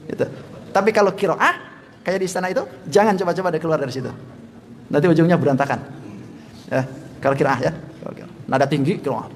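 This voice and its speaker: A man's voice: sits high, in a large hall. A man teaching a religious study class, chuckling often and chanting sample melodies between his explanations. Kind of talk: Quran study lecture.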